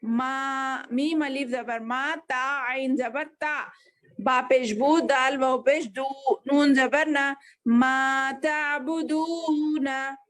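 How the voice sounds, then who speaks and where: A woman's voice: high-pitched, fairly even intonation, extremely slow, fairly bright tone, soft background music. A woman teaching a children's Quran class over a video call, patiently spelling out each letter and vowel.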